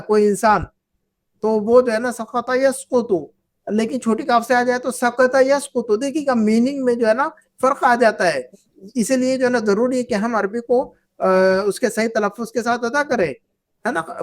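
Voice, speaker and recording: A woman whose first language is Urdu, teaching an Arabic grammar lesson, patiently repeating verb forms and asking the class questions. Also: fairly high pitch. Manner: asks the class questions and invites answers.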